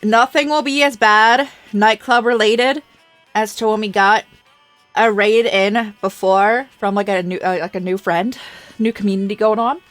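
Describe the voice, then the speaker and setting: A woman streaming a game, chatting casually and reacting loudly with frequent laughs, her voice slightly hoarse. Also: mid-range voice, normal speed, dry recording. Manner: animated, reactive, laughs often. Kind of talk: casual live-stream commentary. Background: faint game music.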